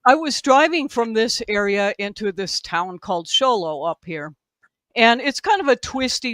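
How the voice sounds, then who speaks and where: Animated woman telling a story. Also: fairly high pitch, no echo. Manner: animated storyteller, rambling, excitable. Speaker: podcast host. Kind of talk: casual chat.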